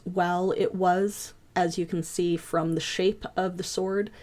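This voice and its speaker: A woman teaching a hobby craft class over voice chat, talking fast with frequent ums and uhs. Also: on the low side, darkish tone. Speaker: instructor. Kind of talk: online class lecture. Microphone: home computer mic on a voice chat.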